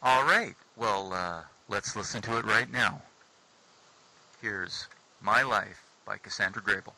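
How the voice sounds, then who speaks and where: A man's voice: lowish voice, measured pace, creaky, pushed and bright, rough recording. A man hosting a casual interview, laid-back and joking with playful asides. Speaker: host.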